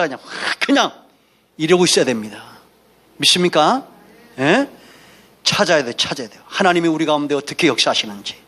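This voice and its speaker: A man preaches in a church with a high, bright voice. He swings between quiet asides and sudden shouted lines, often calling out questions to his congregation. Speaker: pastor. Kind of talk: sermon. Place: church sanctuary.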